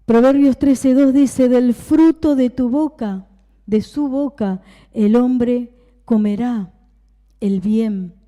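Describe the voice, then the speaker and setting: Woman pastor, Rioplatense accent, dark mellow tone, emphatic repeated phrases and hushed asides, preaching in a church with long hall reverb. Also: fairly high pitch, takes it slowly, dull audio. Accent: Rioplatense Spanish. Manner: preaching with emphatic repetition, dropping to a whisper at times. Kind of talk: sermon.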